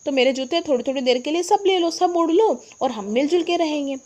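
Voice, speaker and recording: A woman reading the part of a cheerful young schoolgirl who can fly, speaking eagerly with exclamations, in a high voice. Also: fairly quick, dark tone, natural voice. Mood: friendly.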